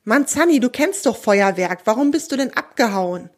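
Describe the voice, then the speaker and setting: An eager young male pony from a children's storybook, bright and lively in his talk with a voice pitched well up, as a woman puts him on. He sounds a little sheepish and pleading at times. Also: moderate pace.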